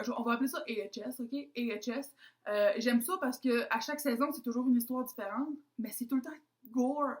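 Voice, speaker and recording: Young québécois girl vlogging, chatty and jokey about herself, mixes in english words, voice on the high side. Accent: Québécois French. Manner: chatty, self-mocking, sprinkles English words. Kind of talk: casual chat to camera.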